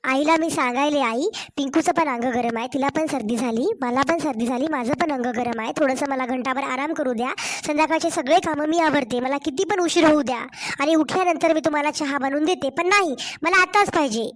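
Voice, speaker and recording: A woman playing a hoarse, aggrieved young wife. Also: sits high, fairly quick, lightly acted. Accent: Marathwada Marathi. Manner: complaining, pleading. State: hoarse from a cold. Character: young wife and mother, aggrieved daughter-in-law. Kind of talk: cartoon story voice acting.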